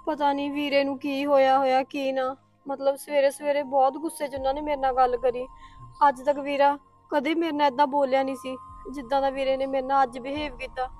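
A woman's voice: sits high, darkish tone, natural voice. A young woman in a short film playing a worried, earnest college student. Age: young adult.

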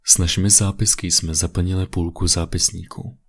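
Male creepypasta narrator, low and husky, steady read. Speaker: storyteller. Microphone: USB condenser mic.

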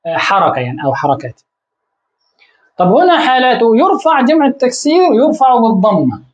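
A woman teaching an Arabic grammar lesson, often pausing to quiz her listeners with rhetorical questions and repeating words while she searches for the next one. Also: on the high side, big pitch swings, rough recording. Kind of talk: classroom-style grammar lesson.

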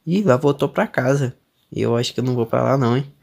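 A young man with a Brazilian accent narrates his way through a horror game. He sounds jumpy and nervous, with frequent startled exclamations. His voice sits in an ordinary middle pitch. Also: fast, creaky, darkish tone. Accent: Brazilian Portuguese. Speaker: gamer streamer. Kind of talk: let's play commentary.

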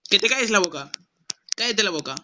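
A man's voice: high-pitched, lively intonation, brisk, pushed and bright, a little hiss or hum. A young man from Spain, commentating his gameplay brashly and swearing as he argues with someone off-mic. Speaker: gaming streamer.

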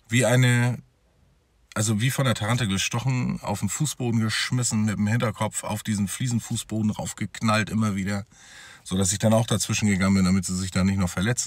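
Man, low husky voice, dry close sound, conversational vlog monologue, talks straight to viewers. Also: dry recording. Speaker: father telling his own story.

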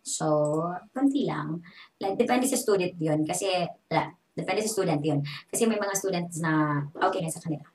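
A woman's voice: lowish voice, moderate pace, a little mellow, a little hiss or hum. A young woman with a Filipino accent, an online English teacher giving a casual, chatty tutorial in English and Tagalog. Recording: echoey room.

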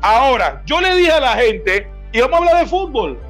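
Very high-pitched, insistent Panamanian man. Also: big pitch swings, normal speed, fairly bright tone. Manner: emphatic, repeats phrases insistently. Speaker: sports show commentator. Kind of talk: heated live football debate. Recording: music behind the voice. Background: background music.

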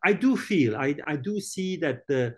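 Born in France and raised in Italy and Switzerland, a middle-aged man heading a hotel group gives an interview over a video call, captured by webcam indoors in a room with a large painting. He speaks haltingly, with many restarts and fillers. His voice is fairly high, expressive, and a little mellow.

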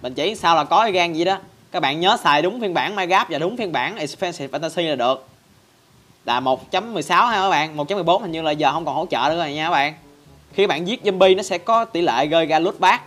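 A man's voice: a little high, expressive, brisk, a bit bright, soft background music. A man hosting a casual game tutorial in a chatty style, constantly addressing viewers. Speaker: Minecraft channel host.

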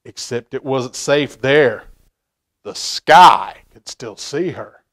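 Taking it slowly in a medium-pitched voice, a middle-aged man reads a picture book for library storytime as a stand-in host. He sits at a table in an indoor room, reading with animation and addressing the children in a folksy manner. Certain phrases get repeated for emphasis.

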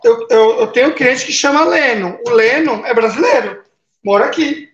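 Here the Brazilian-accented man runs his relaxed baking live stream again, welcoming viewers by name and tossing in plenty of tag questions as he chats. He speaks at a moderate pace in a very high-pitched voice. The sound is slightly dull and roomy, typical of a live stream.

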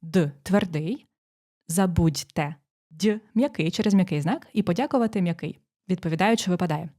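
A woman teacher explaining exam phonetics, pronouncing sample words slowly and walking through each rule step by step. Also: on the low side, mellow. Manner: dictating sounds slowly, explaining rules step by step. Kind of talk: exam prep lesson.

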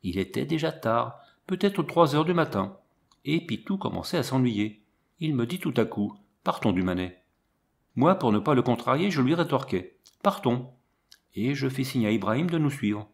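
Expressive male audiobook narrator. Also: mid-range voice, moderate pace, creaky. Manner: lively, expressive reading. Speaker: audiobook reader. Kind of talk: first-person storybook narration.

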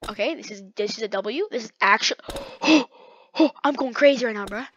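Excitable young woman narrating her gameplay. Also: on the high side, a little fast, slight background noise. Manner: excitable, dramatic self-talk with slang and repeated words. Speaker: gaming creator. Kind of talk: live gameplay commentary. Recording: dull lo-fi dry mic.

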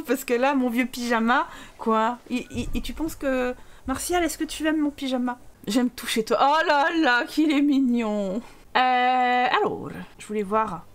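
High-voiced playful woman gamer. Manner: lively, playful, voices her Sims' dialogue. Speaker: gaming YouTuber. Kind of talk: Let's Play commentary.

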